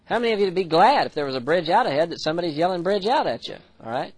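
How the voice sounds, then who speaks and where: An American man preaches with earnest conviction. He slows down for scripture and rushes through quick personal asides. His voice sits on the higher side and sounds close and dry, with no room echo. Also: very animated, slightly rough. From United States. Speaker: pastor. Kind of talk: sermon.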